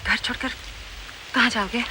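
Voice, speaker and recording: An actress plays an anxious married daughter in an old television drama, begging her mother again and again. Her voice is high and urgent. A steady hiss runs under the recording. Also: moderate pace, natural voice. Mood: pleading. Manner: pleading, repeats "mamma", mixes in English phrases. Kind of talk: 1990s television drama acting. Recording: hissy old TV archive recording.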